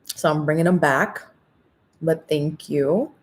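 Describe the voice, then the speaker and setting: An American woman from Orlando, Florida, talking with new braces as she hosts a casual live makeup class, upbeat, excited and slangy in chatting with viewers. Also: sits low, slow. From Orlando, Florida, USA. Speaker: makeup workshop host.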